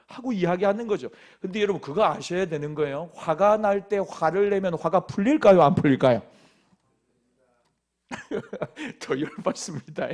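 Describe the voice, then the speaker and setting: A middle-aged pastor with a Gyeongsang accent from Busan, preaching a sermon in a folksy, joking storytelling way. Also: male voice, sits high, animated, moderate pace.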